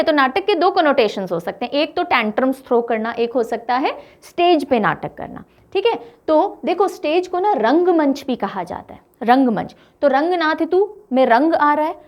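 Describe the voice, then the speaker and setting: A young woman teaching an exam-prep lesson, telling playful mnemonic stories and mixing in English words. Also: sits high. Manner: lively, playful storytelling with acted asides; mixes English words into speech.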